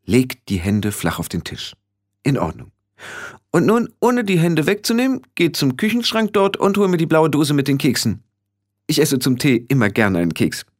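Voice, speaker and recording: Stern old witch, sharp and commanding, high and lively, read by a man in an audiobook. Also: normal speed. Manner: firm, clipped commands. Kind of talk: audiobook reading.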